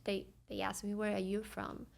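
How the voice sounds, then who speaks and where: A woman's voice: mid-range voice, completely flat delivery, normal speed, vocal fry. A woman from Venezuela with a Venezuelan Spanish accent, a podcast guest speaking earnestly and searching for words in English. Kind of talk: reflective conversational interview.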